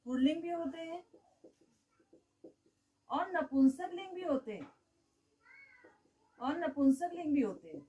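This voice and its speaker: High-voiced woman teaching a grammar lesson. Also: lively intonation, unhurried, long pauses, warm tone, distant mic, low-quality recording. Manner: asks the class questions and answers them herself; says "okay" often.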